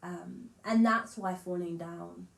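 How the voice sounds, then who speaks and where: A woman musician talks to camera in a loose, frank vlog style, swearing casually and poking fun at herself. Her voice sits a little low and carries a slight lisp. The room around her adds a noticeable echo. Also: steady tone, slow, gravelly, slight background noise. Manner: frank, chatty, swears freely, self-deprecating. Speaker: musician vlogger.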